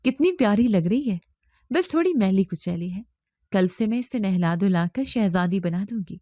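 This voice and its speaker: A woman's voice: medium pitch, expressive, warm tone, no echo, clean studio sound, close to an everyday voice. A woman voicing a sweet-talking, scheming stepmother with a coaxing tone.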